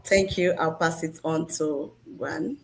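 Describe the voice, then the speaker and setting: Slightly low-voiced woman from Nigeria. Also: steady tone, takes it slowly, slight background noise. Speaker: registered nurse. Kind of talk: formal self-introduction.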